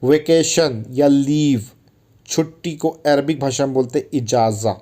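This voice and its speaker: A man's voice: mid-range voice, a little slow, mellow. A man teaching Arabic words in a casual, chatty way, often calling listeners brother and repeating each word for drilling. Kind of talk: casual spoken language lesson.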